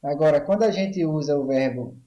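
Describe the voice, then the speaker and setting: A man's voice: fairly high pitch, reverberant, dull audio. A man with a Brazilian Portuguese accent teaching an online English grammar lesson, explaining step by step and often checking in with the class. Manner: explains slowly, checks in with "ok?" and "tá certo?".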